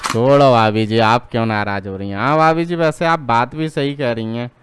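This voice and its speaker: A man's voice: mid-range voice, normal speed, lightly acted. A man voicing a cheeky, folksy street vegetable seller with wheedling sales patter in a cartoon comedy, on a noisy track. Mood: ingratiating.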